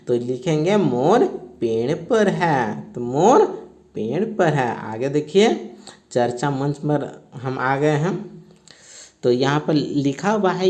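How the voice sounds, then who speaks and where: A man teaching a textbook question-answer lesson, explaining step by step and checking in often. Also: on the high side.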